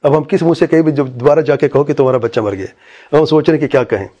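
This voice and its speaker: A man's voice: a little high, dark tone, husky, highs cut off. A man preaching a religious talk, vividly retelling anecdotes and quoting each person in them. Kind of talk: religious talk with told stories.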